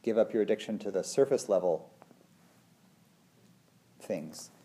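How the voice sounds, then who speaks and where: A man's voice: on the low side, lively intonation, measured pace, dark tone. A man in his forties, a meditation teacher, talking in a thoughtful, meandering way, full of "you know" and "like". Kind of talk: casual conversation.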